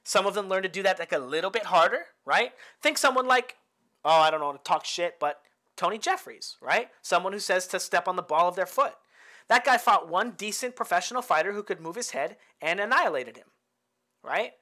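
A Bay Area boxing coach breaks down fight footage in a high, expressive voice that's brisk, pushed, and bright. He's chatty and casual, tagging many lines with "right?" to check in. He also laughs at his own jokes.

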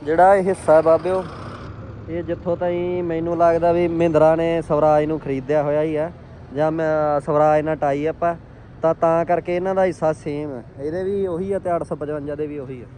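High-voiced man vlogging outdoors. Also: fairly even intonation, fairly quick, warm tone. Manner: informal, chummy address to viewers and friends. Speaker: vlog host. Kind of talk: casual vlog commentary. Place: outdoors at a farm machinery fair. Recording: engine and vehicle noise, outdoors.

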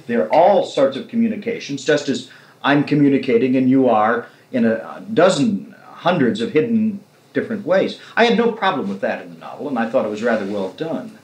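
A man's voice: medium pitch, expressive, a little fast, echoey room, poor audio. A man interviewing an author, musing at length about novels, heard on an old 1969 tape recording. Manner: reflective, long winding literary remarks. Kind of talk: conversational discussion.

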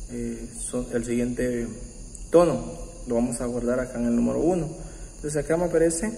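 Man, keyboard tutorial host, patient, halting, dark mellow voice, echoey room. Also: mid-range voice, a little hiss or hum. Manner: warm, patient, uses religious greeting; halting, many fillers and restarts. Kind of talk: casual step-by-step tutorial. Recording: roomy, echoey room with long reverb. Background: faint keyboard music.

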